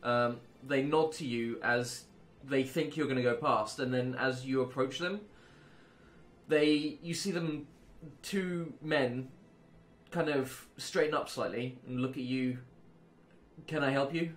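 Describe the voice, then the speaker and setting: A man's voice: mid-range voice, takes it slowly. A man narrating as game master of a tabletop game, hesitant, with many ums and self-corrections.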